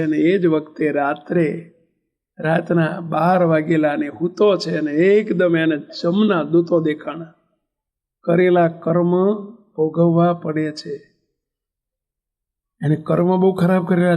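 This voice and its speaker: High-voiced monk telling a sermon story. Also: male voice, a little mellow, dull audio. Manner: emphatic, repeating key phrases; exhorts listeners directly.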